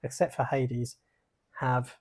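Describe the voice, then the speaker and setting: Dry-witted podcast co-host, mid-pitched. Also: level tone, slow, a little mellow. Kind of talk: casual chat.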